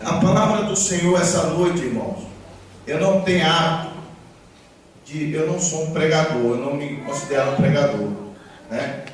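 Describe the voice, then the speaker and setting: A man preaching a sermon in a church, talking conversationally and telling stories with animated retellings, often checking in with his listeners. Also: a little high, moderate pace. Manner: conversational, repeats tag questions, animated storytelling. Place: church hall. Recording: echoey church hall from far off, background noise.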